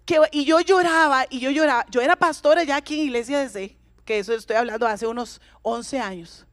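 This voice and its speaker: A woman's voice: sits high, fairly quick. A middle-aged woman pastor giving a sermon in a conversational, confiding way, sharing personal stories with her congregation.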